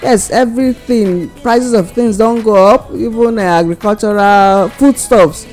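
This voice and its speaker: A woman's voice: mid-range voice, a little slow, a little mellow. A woman with a Nigerian accent hosting a casual radio talk show in Nigerian Pidgin. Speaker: radio host. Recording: music bed under the voice.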